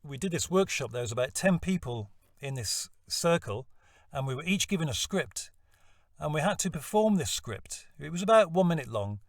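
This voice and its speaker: A man's voice: a little high, sing-song, moderate pace, no echo, studio quality, far from the mic. A man telling a personal story in a reflective, self-deprecating way. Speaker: voice-over hopeful vlogger.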